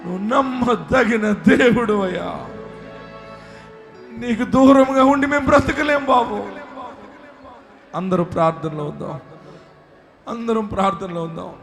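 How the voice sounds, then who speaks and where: A male pastor leading a congregation in prayer at a live service, dropping to hushed pleas and then shouting bold declarations. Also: very high-pitched, expressive, a little slow, creaky, long pauses, soft background music.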